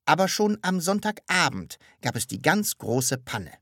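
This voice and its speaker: A woman's voice: low voice, sing-song, unhurried, a bit bright, no room sound, studio quality, pitched above the performer's own voice, full character voice. A woman voicing a fussy, gloomy grown man who complains in a plaintive, exasperated way. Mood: aggrieved.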